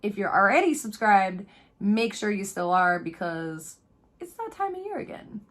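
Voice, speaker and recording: A woman's voice: medium pitch, big pitch swings, moderate pace, fairly bright tone. A woman chatting casually as she unboxes beauty products, thinking aloud and laughing often. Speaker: beauty vlogger.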